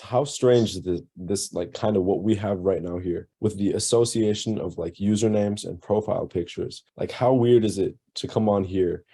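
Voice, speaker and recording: Low, husky-voiced man asking questions. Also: mellow. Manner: halting, curious, full of fillers. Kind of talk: casual podcast chat. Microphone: video call.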